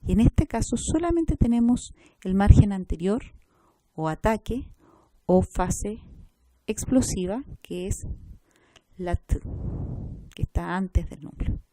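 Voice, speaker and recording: A woman's voice: medium pitch, animated, takes it slowly, long pauses, warm tone, dry recording. A woman teaching a recorded class, explaining step by step and checking in with her listeners.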